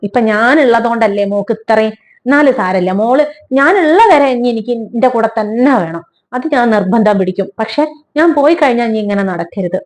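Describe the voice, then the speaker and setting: Heartfelt woman. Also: a little high. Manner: heartfelt, conversational, animated retelling. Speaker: storyteller. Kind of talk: personal storytelling.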